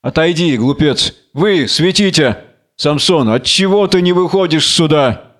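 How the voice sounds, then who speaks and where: A man's voice: fairly high pitch, a little slow, a bit bright. A man voicing a stern nobleman who barks orders. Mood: commanding. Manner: barking orders. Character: stern red-haired nobleman, harsh and commanding.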